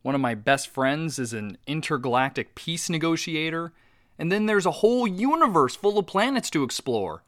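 A man hosting an advice show with an earnest, eager manner. His voice sits a little high and moves a lot in pitch. The recording is dry and close. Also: very animated, moderate pace, a bit bright, no room sound. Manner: earnest, exasperated, eager to please. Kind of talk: comedic sketch hosting.

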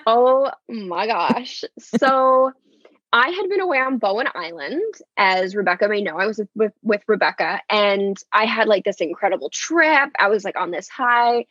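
A woman's voice: medium pitch, expressive, normal speed, a bit bright, dry recording. A woman joins a podcast by video call and tells her story in a chatty way, full of fillers. The audio is dull and lo-fi. It is dry, with no room sound. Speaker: podcast guest. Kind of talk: casual storytelling.

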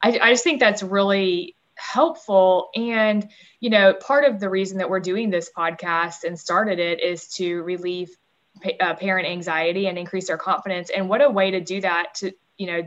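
A woman's voice: fairly low pitch, fairly even intonation, moderate pace, highs cut off. A woman hosting a parenting podcast, affirming her guest with lots of fillers. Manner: warm, affirming interviewer with many fillers. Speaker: podcast host. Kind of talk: casual interview talk.

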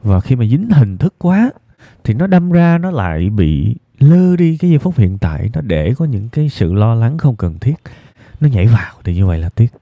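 Speaking with a southern Vietnamese accent, a man hosts an evening advice programme and muses to listeners in a subdued, unhurried, deliberately low tone with a sing-song lilt. There's no room sound, and the audio is thin and band-limited like a phone call.

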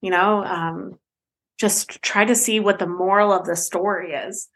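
Woman, podcast guest, unhurried pace, offhand and blunt, lots of fillers. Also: mid-range voice, fairly even intonation, vocal fry, fairly bright tone. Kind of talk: casual chat.

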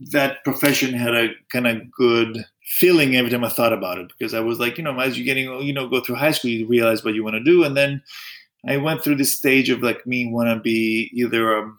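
A middle-aged man raised in Greece answers interview questions about his job as an orthodontist. His speech is loose and halting, full of restarts and fillers like "like" and "um." His pitch is in a typical middle male range, and his tone is fairly bright.

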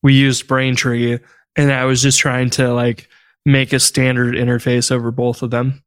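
Smooth-voiced man, animated podcast co-host. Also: mid-range voice, moderate pace. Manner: animated, exasperated storytelling. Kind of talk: casual tech chat.

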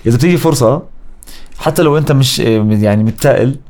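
A man's voice: medium pitch, fast talker, a little mellow. A man in his thirties with a Jordanian Arabic accent, chatting casually as a podcast guest and dropping in English words. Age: 30s. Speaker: podcast guest, voice-over artist and content creator. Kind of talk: casual conversational interview, mixing in English words.

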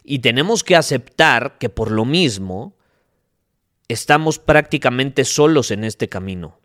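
A man's voice: mid-range voice, expressive, measured pace, fairly bright tone. A man hosting a podcast, giving an emphatic, preachy motivational monologue and talking straight to the listener. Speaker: podcast host.

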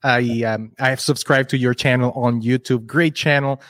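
A man's voice: medium pitch, steady tone, normal speed, a bit bright, no echo, clean studio sound. Man telling his story. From Chile. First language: Spanish. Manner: earnest, rambling, often restarts words. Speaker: podcast guest, entrepreneur. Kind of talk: casual interview storytelling.

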